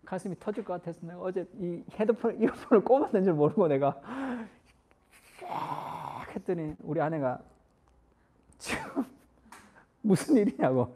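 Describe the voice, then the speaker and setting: A man's voice: high voice, moderate pace, mellow. A middle-aged man preaching a Sunday sermon as pastor, in a conversational style that moves between formal and casual speech.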